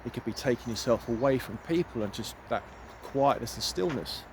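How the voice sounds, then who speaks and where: A man's voice: medium pitch, animated, a little fast. Earnest man vlogging outdoors. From United Kingdom. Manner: earnest, emphatic, repeats phrases. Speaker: empowerment coach. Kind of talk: walking vlog monologue. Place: outdoors in woods. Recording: faint outdoor noise.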